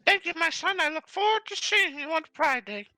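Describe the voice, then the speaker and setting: Casting: a man putting on a shrill old witch voice, high and very bright, faint music behind. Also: expressive, normal speed, dry recording, full character voice. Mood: sweet.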